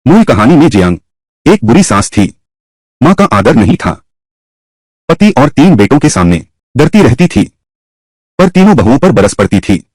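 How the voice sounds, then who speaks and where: A man's voice: medium pitch, very animated, moderate pace, long pauses, a little mellow, no room sound. A man narrating and recapping a dubbed drama story.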